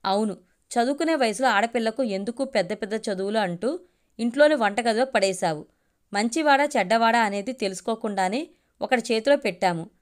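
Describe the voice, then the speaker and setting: A woman voicing a gentle, reasonable father who reasons with his wife in a storybook reading. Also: fairly high pitch, natural voice.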